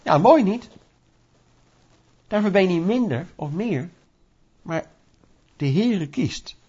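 A man preaching a sermon in a lively, conversational way, asking rhetorical questions and acting out little scenes. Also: high voice, slow pace, slightly rough. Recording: dull lo-fi recording.

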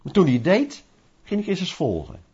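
Animated, husky-voiced male preacher. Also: fairly high pitch, normal speed. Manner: animated, conversational preaching with rhetorical questions. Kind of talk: sermon. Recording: dull lo-fi recording.

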